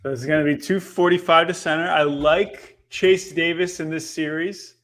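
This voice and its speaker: A man co-hosting a casual talk show, laughing often and talking in a brisk, playful way. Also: fairly high pitch, steady tone, a bit bright. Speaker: co-host. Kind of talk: casual chat.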